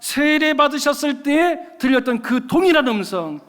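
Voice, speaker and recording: A man preaches from the pulpit with a notably high-pitched voice, telling a story with animation and turning often to address his listeners. His words ring out with a long reverb in a church sanctuary. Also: animated, normal speed, a bit bright. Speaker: pastor. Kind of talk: sermon.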